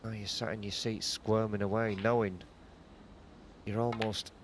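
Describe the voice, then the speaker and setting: A man giving hushed live snooker commentary in an understated, conversational and analytical way. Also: lowish voice, level tone, a little slow, a little hiss or hum.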